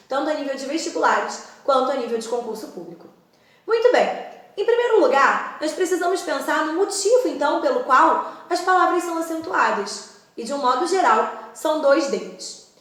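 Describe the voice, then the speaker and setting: A high-voiced woman teaches a grammar lesson with lively emphasis. She calls out example words to her viewers. Her voice rings in a very echoey room.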